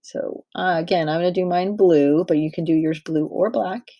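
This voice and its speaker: A woman's voice: on the low side, normal speed, mellow, highs cut off. A woman teacher in her thirties leading a drawing lesson for small children, patient and encouraging. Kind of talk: directed drawing lesson for young kids.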